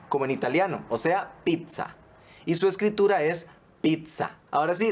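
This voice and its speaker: A man presenting a playful spelling segment for students and hamming up the way words are said. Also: a little high. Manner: playful, hams up pronunciations.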